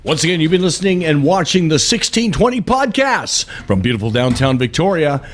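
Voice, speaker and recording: A man's voice: on the high side, sing-song. A man hosting a podcast, chatty with joking asides. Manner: jokey, chatty, quick asides. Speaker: podcast host. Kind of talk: casual chat. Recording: faint background noise.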